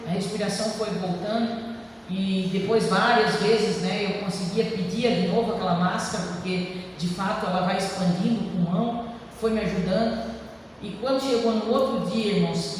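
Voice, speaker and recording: A woman's voice: medium pitch, darkish tone, a little hiss or hum. A woman giving a heartfelt personal testimony at a church service, often addressing the congregation directly. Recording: echoey church hall from far off.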